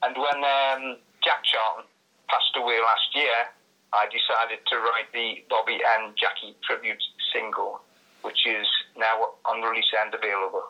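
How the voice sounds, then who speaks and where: A man's voice: fairly low pitch, flat delivery, measured pace, bright, forceful tone. Older Northumberland man on a tinny phone line. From Northumberland, England. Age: 60s or older. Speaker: radio phone-in guest, songwriter. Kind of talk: radio interview answers. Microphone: telephone.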